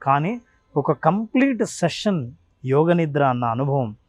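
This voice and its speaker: ఒక పురుషుడు ధ్యాన గురువుగా, ఆరుబయట ప్రకృతిలో ఇంటర్వ్యూలో ఒక్కొక్క అంశాన్ని శ్రద్ధగా వివరిస్తున్నాడు. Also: male voice, fairly high pitch, sing-song, a little slow, no room sound. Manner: earnest, lists points one by one. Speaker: meditation mentor. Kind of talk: explanatory interview talk. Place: outdoors in nature.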